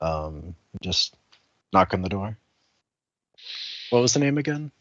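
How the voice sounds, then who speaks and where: A man's voice: low-pitched, big pitch swings, slow pace, a bit bright, dull audio. A man playing a tabletop game, speaking casually as he chats and role-plays his character.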